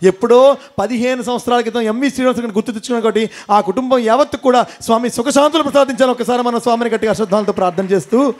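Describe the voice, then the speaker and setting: High-voiced man telling a devotional story. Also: very fast. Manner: asks audience questions, acts out voices. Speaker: motivational speaker. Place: temple hall before an audience.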